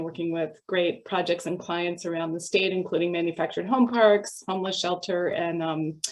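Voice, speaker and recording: A woman's voice: on the low side, rough recording. An older woman, a housing consultant, introducing herself in a thoughtful, earnest way on a video call. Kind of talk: online community meeting introduction.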